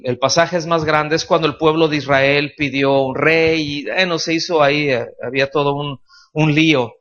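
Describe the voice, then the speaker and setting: A pastor preaches an expository sermon in a fairly high voice. He keeps the talk colloquial and jokey and often checks that his listeners follow. The recording sounds dull and lo-fi. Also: a bit bright.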